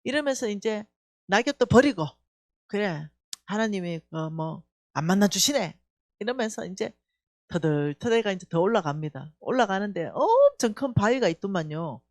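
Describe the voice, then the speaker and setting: Give me a woman with a Gyeongsang Korean accent, a church staff member testifying at a revival. Her pitch swings up and down as she tells her story and acts out each line of dialogue. The sound is dry and close, with no room echo. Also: moderate pace. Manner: animated storytelling, acting out dialogue.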